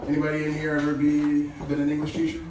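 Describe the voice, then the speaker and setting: Male stand-up comic, crude and loose, laughs at his own bits. Low-quality stream audio, distant and noisy. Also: completely flat delivery, fast. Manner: casual, crude, chuckles at his own jokes. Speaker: stand-up comedian. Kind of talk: stand-up comedy set. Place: small comedy club stage. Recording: echoey low-quality stream from far off with noise.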